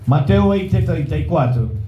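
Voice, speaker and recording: A man's voice: fairly high pitch, expressive, unhurried, echoey room, muffled recording, slight background noise. A man preaching a sermon as pastor, often asking the congregation to fill in words.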